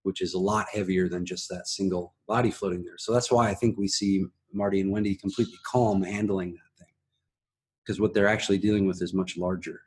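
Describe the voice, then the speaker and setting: A man hosting a conversational TV recap, explaining things in a halting way. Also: sits low, steady tone, breathy edge. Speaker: host of a TV recap show. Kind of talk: conversational episode analysis.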